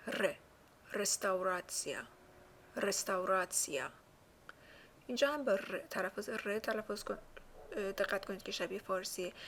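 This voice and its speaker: Woman language teacher, patient and slow, says each word twice, faint hiss behind. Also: mid-range voice, a bit bright. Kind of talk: spoken lesson.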